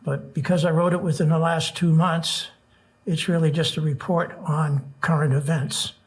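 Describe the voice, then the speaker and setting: A man speaking as a poet at an open mic, introducing and reciting verse in a measured, deliberate manner with pauses. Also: a little high, level tone. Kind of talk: spoken introductions and poetry recital to an audience.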